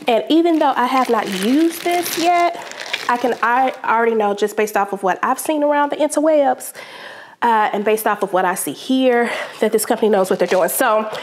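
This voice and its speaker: A woman chatting casually in a home vlog, reviewing products she was sent in an animated, friendly way. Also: a little high, a little hiss or hum. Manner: chatty, animated, uses "child" and "y'all". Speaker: home DIY vlogger.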